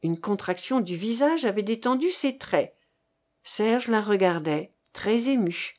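A woman narrating a novel aloud in a measured, expressive storytelling manner. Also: mid-range voice.

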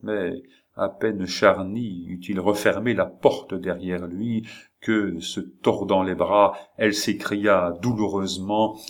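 A man narrates a classic novel in a low, deep voice. He reads slowly and deliberately, with the measured pace of literary narration. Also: fairly even intonation. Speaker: audiobook narrator.

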